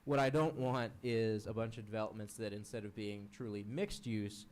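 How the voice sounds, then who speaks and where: Low-voiced commissioner guy, talks measured and careful, town meeting room mic. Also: fairly even intonation, a little mellow, a little hiss or hum. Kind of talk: council work session discussion.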